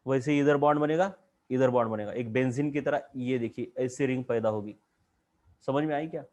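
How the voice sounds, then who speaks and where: A man's voice: medium pitch, a little fast, darkish tone. A man with an Indian accent teaching chemistry in a classroom lecture, drawing at a board and asking the class question after question.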